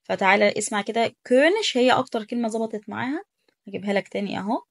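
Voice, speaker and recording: A woman's voice: fairly high pitch, expressive, rapid-fire. An Egyptian Arabic-speaking woman teaching German pronunciation in a casual tutorial, correcting and repeating sounds with emphasis.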